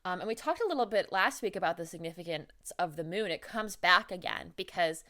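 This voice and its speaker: A woman's voice: on the low side, lively intonation, brisk, sharp tone. A woman co-hosting a podcast in casual chat, talking through ideas thoughtfully with frequent "like" and "um". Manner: analytical, many fillers like "like" and "um". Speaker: podcast co-host.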